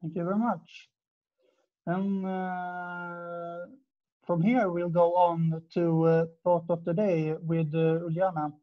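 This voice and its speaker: A woman's voice: fairly low pitch, flat delivery, takes it slowly. A woman casually hosting an online meeting and moving it along. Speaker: meeting host. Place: video call. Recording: dull video-call audio.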